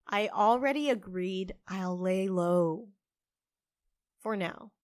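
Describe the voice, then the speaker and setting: A woman voices a stressed, stubborn barista in an audio drama: a half-human character who looks young, is grieving, and speaks in a wry, defensive, casual way. Her natural, medium-pitched delivery is slow, and the sound is clean studio quality with no echo.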